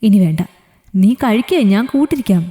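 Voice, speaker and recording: In a reverberant room, a woman storyteller with a warm, medium-pitched, expressive voice speaks at a normal speed, close to how she'd sound in everyday talk. She voices a young man, a loving fiancé who gently teases, as he earnestly pleads and jokes with his fiancée.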